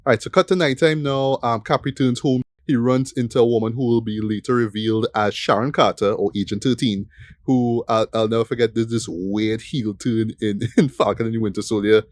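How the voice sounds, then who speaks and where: A man's voice: mid-range voice, steady tone, a little fast, dry recording. A man co-hosting a film review podcast, talking enthusiastically and tagging his points with "right?". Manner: enthusiastic, frequent "right?" tag questions. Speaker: podcast co-host. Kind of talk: casual film review chat.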